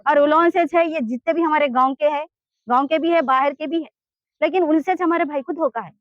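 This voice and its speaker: A woman's voice: high voice, fairly quick, dry recording, muffled recording. A woman with a Hyderabadi Urdu accent, giving an urgent, pleading complaint in a street interview. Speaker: interviewee in a land dispute.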